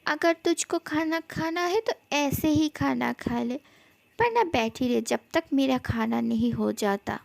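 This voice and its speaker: High-voiced woman reading a fan story. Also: animated, measured pace, vocal fry, no echo. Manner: reads every character's lines in nearly the same voice.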